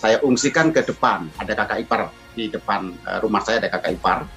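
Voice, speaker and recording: A middle-aged man telling a personal testimony in a sermon as pastor, with animated storytelling. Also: on the low side, brisk, soft background music. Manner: animated storytelling, acts out quoted voices.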